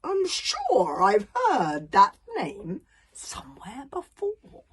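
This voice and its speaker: A woman voicing a huge, sly, philosophical male dragon who talks slowly and theatrically, with cheerful menace. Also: a little high, huge pitch swings, husky, voice pushed up, exaggerated voice. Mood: grand.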